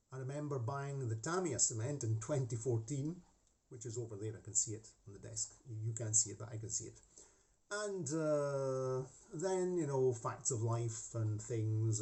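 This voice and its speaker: Warm in tone and medium in pitch, this voice belongs to a middle-aged model-making channel host whose English has a Scottish tinge, since he is half Scottish. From his home hobby room with a desk, he chats to a camera aimed at him, with frequent restarts and side remarks.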